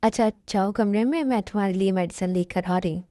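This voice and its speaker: A woman's voice: mid-range voice, brisk, mellow, no echo, studio quality, natural voice. A woman voicing a caring, fussing middle-aged mother in a fan dub.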